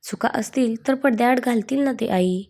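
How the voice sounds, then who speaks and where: Casting: woman doing a wry, calm middle-aged daughter-in-law in a story reading, gently sarcastic. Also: on the high side, moderate pace.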